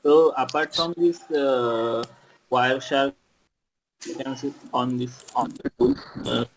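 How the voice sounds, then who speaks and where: A man asking a question in an online class over a video call, halting with fillers. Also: medium pitch, animated, a little hiss or hum, rough recording. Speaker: student.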